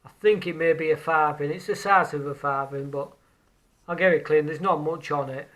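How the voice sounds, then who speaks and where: A man's voice: on the high side, fairly even intonation, moderate pace, fairly bright tone, poor audio. Hesitant man musing over beach finds. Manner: musing, hesitant, repeats words while looking at finds. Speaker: metal detecting vlogger. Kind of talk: casual commentary on finds. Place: outdoors on a beach.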